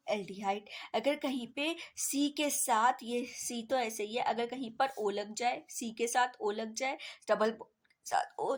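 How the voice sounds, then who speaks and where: A young woman, teaching a chemistry lesson to school students and asking questions that she then answers herself. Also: on the high side. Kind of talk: online class lecture.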